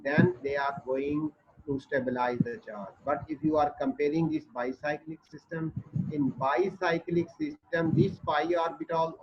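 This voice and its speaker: Man, North Indian accent, slightly high voice, classroom lecturer, explanatory, muffled sound. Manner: explanatory, checks understanding with short tag questions. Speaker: chemistry lecturer. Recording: dull muffled audio with background noise.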